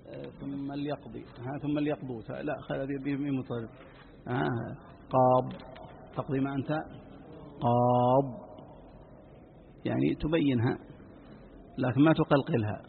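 A man, a sheikh teaching Quran recitation, answers listeners' written questions in a measured way, with many "I mean" fillers. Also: mid-range voice, gravelly. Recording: tinny phone-like lecture recording with faint hiss.

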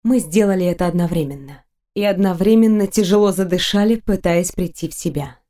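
Mellow woman reading intimately. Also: fairly low pitch, fairly quick. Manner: soft, intimate, sensual reading. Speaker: audiobook narrator. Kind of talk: first-person romance narration.

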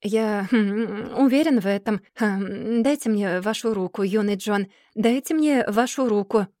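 A woman voicing a proud, quick-tempered older gentleman who blusters loudly and hems and haws when embarrassed. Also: mid-range voice, dry recording, clean studio sound, close to an everyday voice. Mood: awkward. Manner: blustering, then faltering with hems.

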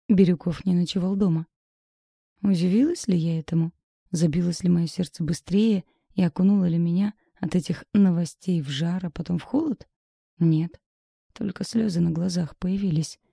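A woman narrating a first-person audiobook in a measured, intimate, introspective way, with a husky voice. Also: fairly low pitch, dark tone, no room sound, clean studio sound.

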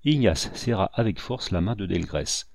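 A man narrating a classic novel as an audiobook reader, in measured, even storytelling. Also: low voice, creaky, no echo, studio quality. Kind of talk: scripted narration.

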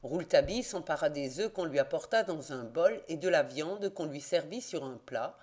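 A man narrating a classic detective novel as an audiobook, in a measured, expressive reading. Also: fairly high pitch. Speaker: audiobook reader.

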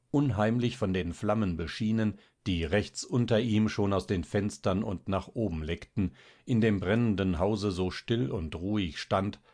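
Low-voiced man reading a novel. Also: a little mellow. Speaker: audiobook narrator. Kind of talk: scripted literary narration.

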